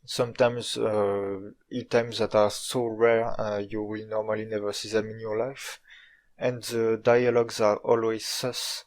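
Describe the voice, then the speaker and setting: This Frenchman, fairly low-voiced and accented, tells a video story in English without hurrying. The delivery is flat, dry, informal and quietly tongue-in-cheek.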